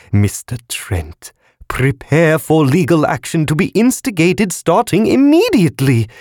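A man voicing a nagging, scolding creditor balloon in a high squealing pitch. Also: darkish tone, no room sound, studio quality. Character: shrill nagging creditor balloon, genderless thing.

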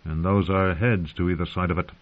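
A proud captive knight, dry and sardonic, whose voice sits low, as a male narrator voices him. The audiobook recording is dull and lo-fi. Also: steady tone, a little fast, natural voice. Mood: bitter.

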